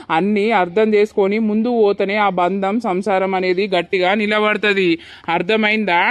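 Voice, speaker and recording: A man's voice: sits high, clear, resonant tone, dry recording, lightly acted. A man voicing a short-tempered village husband. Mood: lecturing. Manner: blunt, scolding then pleading. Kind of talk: cartoon voice acting.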